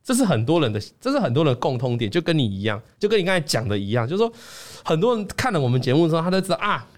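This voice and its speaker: A man hosting a stock talk show, joking and reading a viewer's letter aloud in animated casual chat. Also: a little high, rapid-fire.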